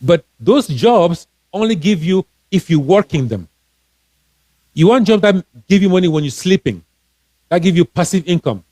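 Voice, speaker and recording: This Cameroonian financial coach and author speaks in a high, expressive, warm voice at a moderate pace, with no echo. Offering casual live-stream advice, he stays earnest and encouraging while frequently restarting his words.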